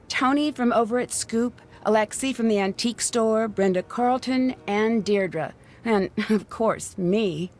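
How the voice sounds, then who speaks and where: A calm young girl detective. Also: fairly high pitch, takes it slowly. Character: young female amateur detective.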